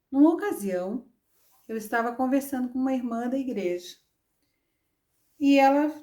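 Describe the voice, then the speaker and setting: A woman's voice: fairly high pitch, dark tone. A middle-aged woman preaching a sermon, telling a personal testimony in a conversational storytelling way with frequent tag questions. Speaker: women's ministry preacher.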